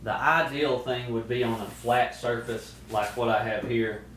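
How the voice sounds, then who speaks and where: A man's voice: mid-range voice, fairly even intonation, normal speed, fairly bright tone. A man giving casual, hands-on instruction as a co-host. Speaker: co-host demonstrating call tuning. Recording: echoey room with faint noise.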